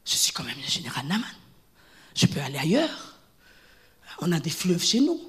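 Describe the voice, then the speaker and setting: A woman preacher puts on a haughty general who bristles at being told what to do. His voice sits far below her natural register and comes out low and grumbling. It stays bright and edgy even as he complains. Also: normal speed. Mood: indignant. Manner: haughty, indignant. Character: proud offended army general, man.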